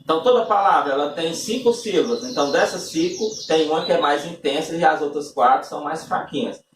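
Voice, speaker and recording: A man with a fairly high voice teaches fairly quickly yet patiently, moving step by step and repeatedly checking in with his listeners via tag questions. The classroom-style lesson was recorded with him far from the mic in an echoey room, and a little hiss or hum is audible.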